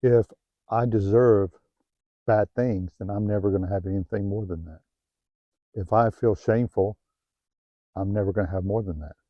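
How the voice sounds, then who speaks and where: A middle-aged man with a Southern US accent gives heartfelt self-help advice, often restarting his phrases and growing quieter when he gets personal. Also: lowish voice, normal speed, long pauses, no room sound, dull audio. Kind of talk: earnest motivational talk to camera. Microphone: new home-video mic, dull sound.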